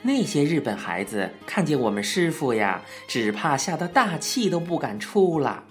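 A man voicing a cheeky, sharp-tongued young man in an audiobook reading. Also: a little high, very animated, soft background music. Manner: eager, quick-witted, cheeky. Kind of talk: audiobook character voice.

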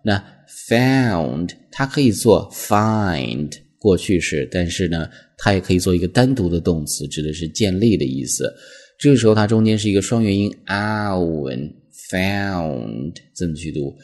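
A man with a deep, low-pitched voice and a husky edge gives an English vocabulary lesson. He explains each word patiently and slows down to read the example sentences with care. His delivery is methodical and instructive throughout. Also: lively intonation, darkish tone. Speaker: English teacher.

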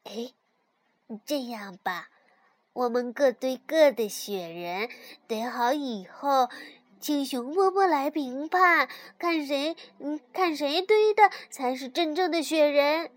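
A woman's voice: high-pitched, slow pace, dry recording. A woman voicing a cheerful young male rabbit with long ears in a children's story, speaking eagerly. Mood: persuasive.

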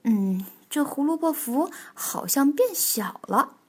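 A woman voicing a big, timid female rabbit in a children's storybook, with a raised, excitable voice. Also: takes it slowly, full character voice. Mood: flustered. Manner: high, excitable, easily flustered.

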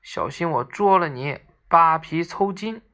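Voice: medium pitch, lively intonation, measured pace, fairly bright tone. A storyteller voicing a boastful, fierce male demon king who mocks and threatens, in a children's storybook reading. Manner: mocking, threatening.

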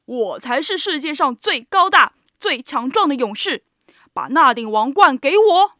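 A woman voicing a huge bullying male giant who bellows loudly in a storybook reading. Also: high-pitched, animated, unhurried, no echo, clean studio sound, exaggerated voice. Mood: roaring. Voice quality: loud, bellowing.

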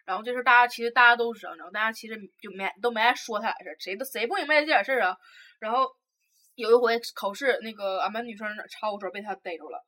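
Podcast co-host: young Northeastern Chinese woman, high voice, lively storyteller. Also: very fast. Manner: animated gossiping, acts out voices. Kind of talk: casual storytelling chat.

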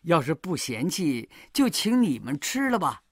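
A woman's voice: deep voice, very animated, unhurried, husky, no room sound, studio quality, heavily acted. A woman voicing a sly female demon disguised as a village girl, sweet-talking and coaxing.

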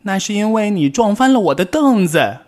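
A man voicing a young, excitable rabbit child in a storybook reading, talking loudly and scolding. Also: a little high, a little slow, pitched above the performer's own voice, lightly acted. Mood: excited. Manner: loud, scolding.

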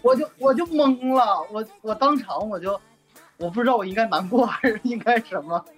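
A man co-hosting a casual chat podcast, telling stories in a halting way and repeating words as he goes. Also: high-pitched, lively intonation, a bit bright, husky, faint music behind. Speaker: podcast co-host.

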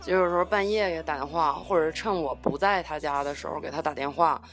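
A woman's voice: low-pitched, fast, faint music behind. A woman in casual podcast chat, talking bluntly and swearing heavily when worked up.

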